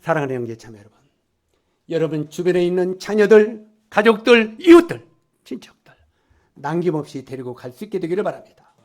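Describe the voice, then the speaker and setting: A man preaching a sermon to a congregation as a lay preacher, emphatic, swinging from loud lines to near-whispers. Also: high-pitched, big pitch swings, fairly quick, pauses often.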